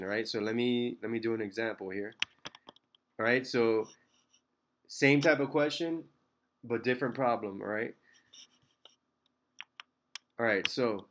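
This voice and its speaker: A man's voice: medium pitch, fairly bright tone. A man teaching a math lesson, working through problems step by step and checking in with "okay?" and "all right?", with the odd self-mocking joke. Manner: light self-deprecating asides.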